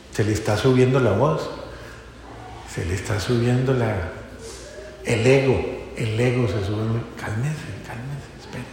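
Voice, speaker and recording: A priest preaching to a congregation, coaxing his listeners and building up lists of repeated words. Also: medium pitch. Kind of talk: sermon to a congregation. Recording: echoey hall, faint ambience.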